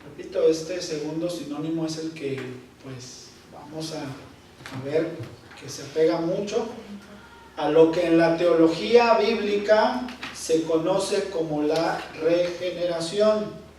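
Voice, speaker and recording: A man teaching a Bible study class, speaking slowly, repeating key words and often checking in with his listeners. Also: fairly high pitch, a little mellow, a little hiss or hum. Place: church hall. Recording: echoey hall, voice from far off.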